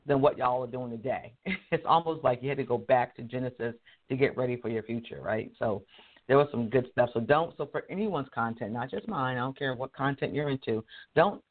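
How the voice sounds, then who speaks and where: A hoarse man hosting a casual live career show, chatty and laughing often as he restarts his sentences. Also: mid-range voice, brisk, phone-quality sound. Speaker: career coach and show host. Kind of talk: casual live-stream talk.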